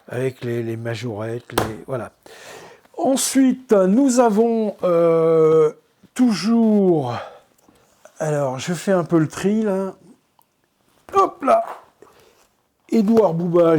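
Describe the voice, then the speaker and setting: A photographer presenting his photo books in a casual show-and-tell, hesitant, with many fillers and restarts, often trailing off softly. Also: fairly high pitch. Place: indoors at his book shelves.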